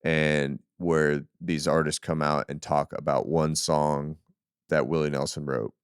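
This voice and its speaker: A man's voice: rumbling low, flat delivery, unhurried, smooth, no echo, studio quality. A man hosting a podcast, chatting in an easygoing, enthusiastic way with plenty of fillers. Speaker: podcast host. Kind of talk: casual interview chat.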